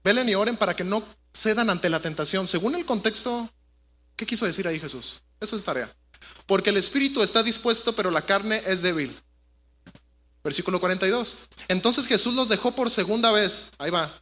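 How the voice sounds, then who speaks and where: A man preaching in church. His voice sits high and sounds bright and forward. He talks to the congregation conversationally and keeps throwing rhetorical questions at them. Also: expressive, brisk. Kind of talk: sermon.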